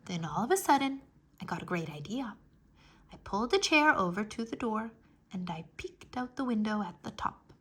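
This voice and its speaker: Reading a children's storybook aloud, a woman narrates expressively at normal speed in a medium-pitched voice with a breathy edge. Her first-person storytelling is animated and childlike.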